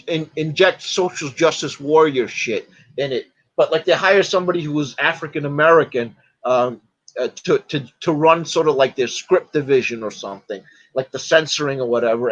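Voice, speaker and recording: A man chatting as a podcast guest, retelling stories in a halting way, full of fillers and restarts. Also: a little high, highs cut off. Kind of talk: casual podcast chat.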